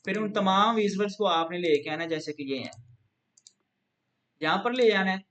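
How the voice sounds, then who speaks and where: A man teaching a screen-recorded software tutorial, explaining patiently step by step and leaning on a repeated filler phrase. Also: high-pitched, normal speed. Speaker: instructor.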